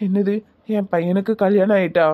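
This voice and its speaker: A man voicing a remorseful older father in a cartoon, speaking pained asides slowly in a Tirunelveli Tamil accent. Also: sits high, little pitch movement, narrow, tinny audio, lightly acted. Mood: anguished. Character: remorseful older father, secretly watching his son. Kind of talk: cartoon voice acting.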